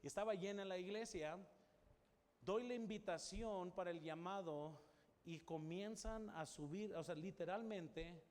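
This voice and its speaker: Middle-aged man, pastor's sermon, somewhat high voice, long church reverb. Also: a little slow. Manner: storytelling, drops to soft voice for quoted prayers. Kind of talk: sermon with personal story. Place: large church hall. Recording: long church reverb, faint room noise.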